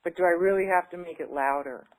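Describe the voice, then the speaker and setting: A woman with a fairly low voice talks quickly, echoing affirmations as part of a tapping session. Once the talk turns casual, she grows hesitant and uses lots of fillers.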